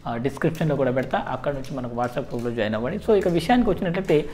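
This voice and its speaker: Male advice host, Telangana accent, rapid informal explaining in Telugu-English mix. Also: medium pitch, lively intonation, darkish tone. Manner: Telugu mixed with frequent English words. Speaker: job-exam advice video host. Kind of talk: informal explanatory commentary to viewers.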